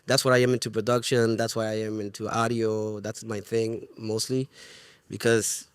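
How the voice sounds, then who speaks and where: Here the Ecuadorian guest, a middle-aged producer and musician with a Spanish accent, speaks at normal speed in a fairly low, level voice. The tone is clean with no room sound, and he talks earnestly in the casual interview, groping for the right words.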